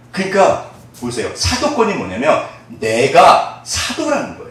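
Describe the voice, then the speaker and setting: Animated male pastor in an echoey hall. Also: on the high side. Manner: lively, asks the congregation questions and has them repeat after him; laughs often while preaching. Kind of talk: sermon. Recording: very echoey hall, mic at a distance.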